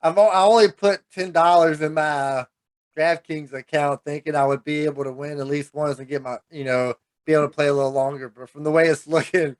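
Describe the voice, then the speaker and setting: A man's voice: fairly high pitch, steady tone, fairly quick, no echo. A man co-hosting a fantasy football podcast, talking in a laid-back, hesitant way and laughing easily. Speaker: podcast co-host. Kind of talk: casual sports chat.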